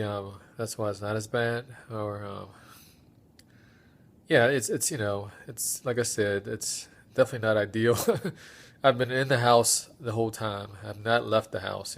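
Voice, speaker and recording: A man with a stuffy, congested nose giving a halting, low-key recovery update in a casual vlog style. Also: creaky. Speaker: patient recording recovery diary.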